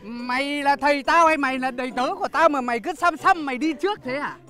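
A man's voice: extremely high pitch, fast talker, bright, forceful tone, faint music behind. An actor playing a lecherous, bossy young male master who bullies his servant in a comedy film. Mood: grumbling. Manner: bossy, bullying.

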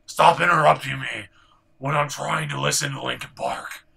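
A man's voice: mid-range voice, wildly swooping pitch, normal speed, vocal fry, bright, forceful tone, slightly rough. A man doing casual, jokey game commentary as a co-host, riffing as he goes. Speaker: gaming video co-host.

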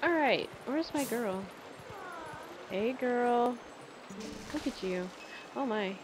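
Slow-talking woman gamer with bright exclamations. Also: fairly high pitch, expressive, background noise. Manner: chatty, exclamatory, talks to game creatures. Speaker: let's play gamer. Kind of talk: casual gameplay commentary. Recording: game music playing behind.

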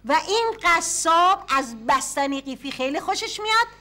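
An actress playing a bossy widowed fortune teller who talks over people in a sitcom. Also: female voice, very high-pitched, animated, sharp tone, full character voice. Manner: domineering, fast-talking. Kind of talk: sitcom acting.

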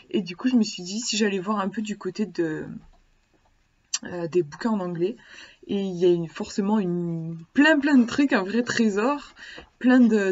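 A woman's voice: medium pitch, a little mellow. A woman talking casually to camera in a vlog about a book, chatty and eager, often hesitating and restarting her sentences. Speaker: vlogger reviewing a divination book. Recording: dull lo-fi sound.

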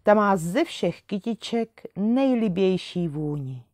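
A woman voicing a kind, gentle old woman who tends flowers, speaking softly and in a friendly way. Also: medium pitch, animated, dry recording, studio quality, close to an everyday voice. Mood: kindly. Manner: soft and friendly.

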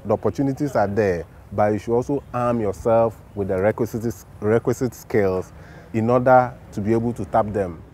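A man's voice: fairly low pitch, moderate pace, dark tone, slight background noise. A man speaking formally and with measure in a documentary interview about foreign residents using a facility.

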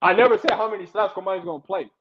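Guest analyst man, fairly high voice, insistent and explanatory, dull lo-fi line. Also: racing, background noise. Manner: explanatory, insistent, repeats himself to make a point. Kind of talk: casual sports talk show.

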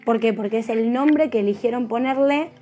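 Young woman, argentine accent, nail tutorial, chatty, slightly high voice, faint music behind. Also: normal speed, warm tone, dull audio. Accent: Argentine Spanish. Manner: chatty, keeps asking "¿sí?". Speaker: nail technician teacher. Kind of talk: live tutorial talk.

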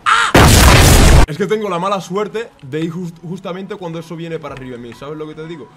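A young man giving excitable, self-mocking commentary while playing a racing game. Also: a little high, fast, background noise. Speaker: gaming YouTuber.

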